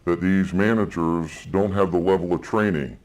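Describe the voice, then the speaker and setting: A man speaking as an anonymous source in a news report, his voice electronically disguised and pitched down, blunt and critical with halting restarts and fillers. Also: fairly even intonation, a little mellow. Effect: electronically disguised, pitched-down deep voice. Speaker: anonymous federal agent source. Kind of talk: interview clips in a news report.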